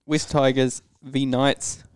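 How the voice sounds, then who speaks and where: A man's voice: mid-range voice, level tone, slow, clear, resonant tone, no echo. A man with a broad New Zealand accent co-hosting a casual sports chat in a laid-back way on a headset mic. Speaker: podcast co-host. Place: small indoor podcast setup, backdrop and curtains.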